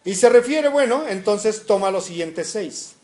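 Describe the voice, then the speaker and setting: Male preacher, high animated voice, questions the congregation, reads scripture. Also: unhurried. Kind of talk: sermon.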